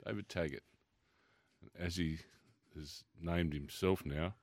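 A man's voice: low voice, takes it slowly, darkish tone, dry recording, clean studio sound. A man with an Australian accent hosting a casual racing radio show, teasing his co-hosts in a jovial way. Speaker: radio host.

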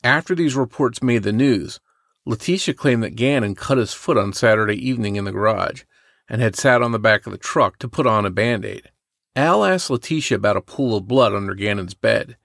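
A man co-hosting a podcast, reading a true crime story from a script in a measured way. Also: fairly low pitch, gravelly, a bit bright, no echo, clean studio sound. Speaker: podcast co-host.

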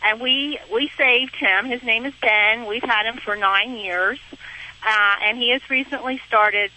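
A woman's voice: on the high side, measured pace, sharp tone, a little hiss or hum. A woman from Pennsylvania calling in to a radio show from her car, heard over the phone, chatty and explaining in rambling detail. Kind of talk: casual call-in chat. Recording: dull, lo-fi phone line.

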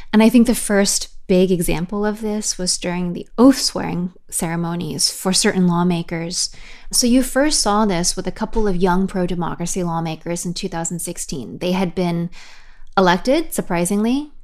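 A woman correspondent explaining events in a measured way on a news podcast. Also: lowish voice, a little mellow. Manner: measured, explanatory, occasional restarts. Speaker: correspondent guest.

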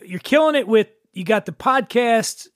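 A man's voice: very high-pitched, animated, moderate pace, dry recording, studio quality. A man hosting a casual chat show, joking and teasing his guests. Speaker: host.

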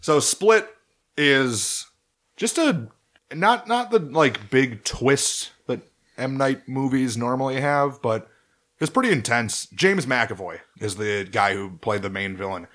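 A man's voice: mid-range voice, lively intonation, slow, fairly bright tone. A man casually chatting on a podcast, rambling and swearing as he ranks movies. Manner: profane, rambling, enthusiastic. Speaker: podcast co-host. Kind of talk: casual chat.

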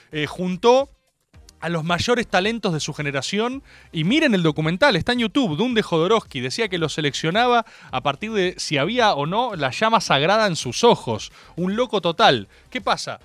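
A young man with an Argentine accent hosting a radio show, rambling through stories in an animated, jokey way. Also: high voice, normal speed, no room sound. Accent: Argentine Spanish. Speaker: radio host. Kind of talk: casual radio monologue.

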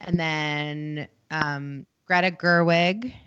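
A woman's voice: sits low, fairly even intonation, drawn-out words, fairly bright tone, clean tone, no echo, lo-fi sound. A woman talking casually on a trivia show panel.

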